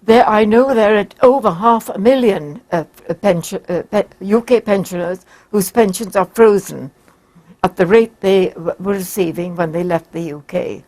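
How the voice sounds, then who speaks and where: A woman, a very old woman speaking formally and haltingly in a studio interview. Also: medium pitch, darkish tone. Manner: halting, formal, carefully worded. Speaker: campaigner interviewed as guest. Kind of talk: broadcast interview. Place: broadcast studio.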